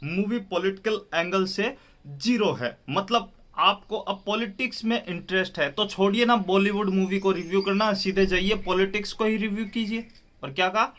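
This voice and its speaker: A man's voice: high voice, moderate pace, a bit bright. A man hosting a reaction video, mocking a film review in a heated, sarcastic way.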